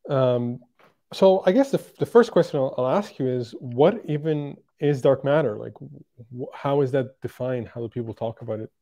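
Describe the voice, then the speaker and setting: A man's voice: mid-range voice, mellow. A man hosting an online interview podcast, talking casually with many ums and uhs. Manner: halting, filler-heavy, friendly. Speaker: podcast host.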